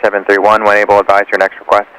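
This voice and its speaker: Lowish-voiced male approach controller on radio. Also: completely flat delivery, racing, a bit bright, slight background noise, low-quality recording. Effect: aircraft radio. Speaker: air traffic approach controller. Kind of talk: clipped procedural radio instructions. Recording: faintly humming aircraft radio.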